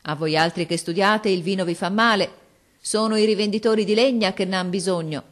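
A woman voicing a booming jovial working-class father. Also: fairly quick, lightly acted. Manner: loud, jovial, toasting. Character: hearty boisterous working-class father, middle-aged.

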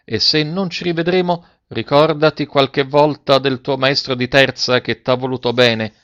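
A man voicing an ailing, affectionate old male schoolteacher who speaks gently and fatherly, in a storybook reading. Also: medium pitch, fairly even intonation, moderate pace, lightly acted. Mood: tender. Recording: dull dry lo-fi recording.

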